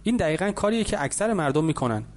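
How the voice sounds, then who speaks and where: A man voicing a wealthy, confident older mentor who lectures calmly in an audiobook. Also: a little high, natural voice. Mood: lecturing.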